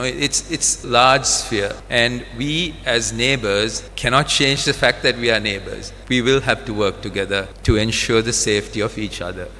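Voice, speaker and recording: A man with a Sri Lankan accent giving a formal public speech as an official, deliberate and repeating words for emphasis. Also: mid-range voice, pushed and bright. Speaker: government or defence official speaking at a ceremony. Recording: reverberant hall, clear background noise.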